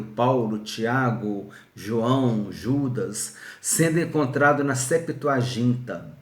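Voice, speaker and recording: A man's voice: medium pitch, a little mellow. Bible teacher man in an echoey room. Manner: explanatory, many restarts and repeated words. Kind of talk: recorded video lesson.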